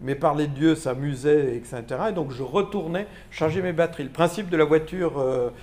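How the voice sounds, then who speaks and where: A man who is a Jesuit priest giving a lively, playful conference talk to school staff. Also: a little high, fairly quick. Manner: animated, playful, makes buzzing sound effects.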